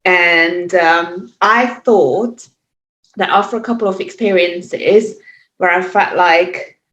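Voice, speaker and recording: Through echoey, muffled remote audio, a Hungarian yoga teacher in her forties reflects on a podcast in accented English. Her fairly low, fairly bright voice is thoughtful but hesitant, with frequent pauses, fillers, and restarts.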